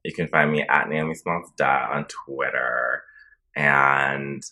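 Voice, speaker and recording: Podcast guest: man, extremely deep buzzy fry voice, monotone, bright edge, chatty. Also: slow. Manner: chatty, many filler likes. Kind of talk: casual chat.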